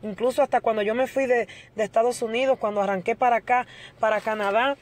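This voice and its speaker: A woman's voice: a little high, fairly even intonation, fast talker. A middle-aged woman giving an earnest testimony to a church congregation and addressing her listeners as brothers.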